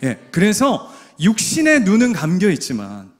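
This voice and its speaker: A man's voice: high voice, wildly swooping pitch, normal speed. A man preaching a sermon in an emphatic way, often putting questions to the congregation. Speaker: pastor.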